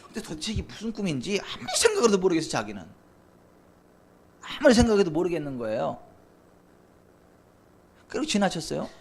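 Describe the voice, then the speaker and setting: A male pastor preaching a sermon, swinging between loud, fervent cries and quiet, low asides. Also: sing-song, fairly quick, pauses often, husky. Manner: impassioned, swings from loud cries to near whispers. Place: church sanctuary.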